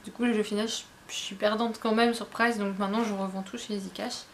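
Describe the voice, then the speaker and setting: A young woman opens a book subscription box at home, talking casually to camera and often using fillers or starting over. She speaks fast in a level, medium-pitched tone, with a little hiss or hum.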